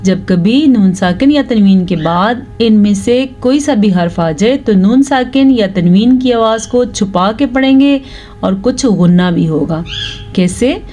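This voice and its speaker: A woman teaching Quran recitation rules, reciting verses slowly and drawn out, then explaining each rule. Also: medium pitch, lively intonation, mellow, slight background noise. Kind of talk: slow recitation lesson with explanations.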